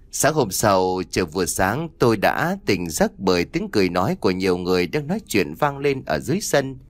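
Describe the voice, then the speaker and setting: A male narrator tells a first-person story in an audiobook. His pitch moves a great deal, which makes the telling lively and expressive. The recording is close and dry, without room echo.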